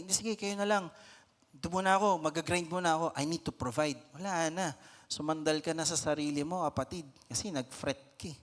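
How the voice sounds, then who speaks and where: A young man with a Filipino accent preaching a lively Taglish sermon, acting out everyday scenes in raised voices. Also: on the high side. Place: church hall. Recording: long church reverb.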